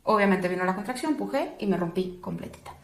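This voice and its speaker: In a mid-range voice at a quick pace, a woman who is a doula shares a personal experience as an interview guest. She acts out others' lines animatedly with a raised voice, and there's a roomy echo on the recording.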